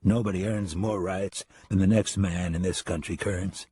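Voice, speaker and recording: A man doing a calm, steady ranger. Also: low voice, moderate pace, breathy edge. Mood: calm, firm. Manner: calm, firm.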